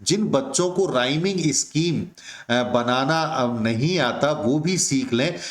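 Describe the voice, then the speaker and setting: A man teaching a poem to students in Hindi, speaking slowly and repeating points, calling them his dear friends. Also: mid-range voice, lively intonation. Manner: slow, repetitive, addresses students as my dear friends. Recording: echoey room.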